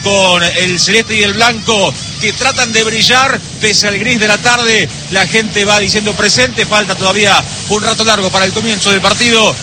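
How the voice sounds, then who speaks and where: A man's voice: sits high, fairly even intonation, moderate pace, over music. A man with an Argentine accent opening a live football radio broadcast from a stadium press booth, in a rolling, ornate announcer style. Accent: Argentine Spanish. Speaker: play-by-play radio narrator.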